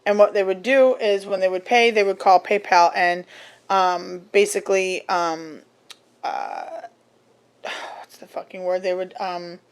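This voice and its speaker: A woman's voice: medium pitch, fairly even intonation, slow pace, clean tone. A woman hosting a podcast, telling stories in casual chat, swearing and laughing along the way. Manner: chatty storytelling with swearing and laughs. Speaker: podcast host.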